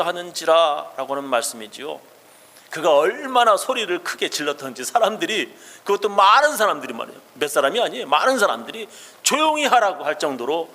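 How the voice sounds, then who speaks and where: Man preaching a sermon in a church sanctuary, high-pitched and emphatic, long hall reverb. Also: fairly bright tone. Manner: emphatic storytelling, acting out quotes. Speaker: pastor.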